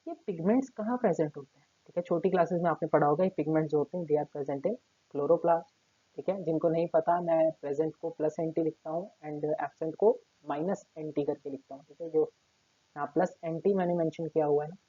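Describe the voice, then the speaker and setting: Husky-voiced man teaching on a tinny line. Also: fairly high pitch, a little fast, no echo. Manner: explains step by step, constantly checks in with "okay". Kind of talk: online recorded lecture. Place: seated at his own table. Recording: tinny phone-like lo-fi audio.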